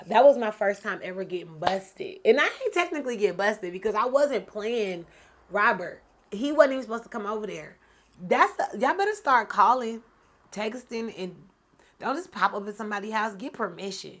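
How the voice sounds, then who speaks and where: A woman host telling a personal story in a casual, slangy, animated way, often laughing. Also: mid-range voice, moderate pace. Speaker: podcast host.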